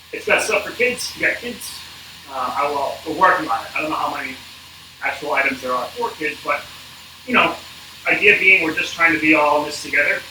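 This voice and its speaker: A man coaching an indoor cycling workout on a livestream, speaking casually and haltingly with a dry, informal manner. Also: fairly high pitch. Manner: halting, informal, dryly joking. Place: indoors in an apartment. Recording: echoey, distant mic, noisy room.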